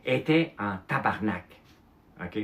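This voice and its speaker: A Québécois man in his fifties or older, telling childhood stories in casual chat, animated, with mild swearing and filler words. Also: fairly low pitch, a little slow. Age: 50s or older. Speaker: host.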